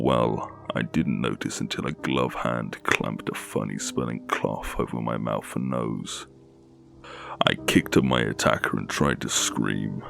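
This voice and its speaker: A man with a low, haunting voice narrating a scripted scary story. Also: creaky, fairly bright tone.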